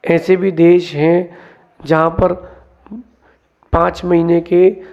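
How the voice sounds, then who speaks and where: A man, a monk, giving a sermon, telling parables in a lively teaching way and mixing in English words. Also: a little high, slow pace, creaky. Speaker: Jain monk giving a discourse. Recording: dull lo-fi sound.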